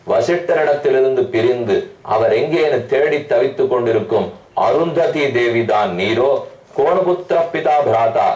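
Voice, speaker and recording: A man's voice: medium pitch, a little mellow. Man giving a devotional discourse, distant and roomy. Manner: chants verses slowly, then explains them in plain talk. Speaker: religious discourse speaker. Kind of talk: devotional discourse reciting and explaining scripture verses. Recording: roomy, from far off the mic.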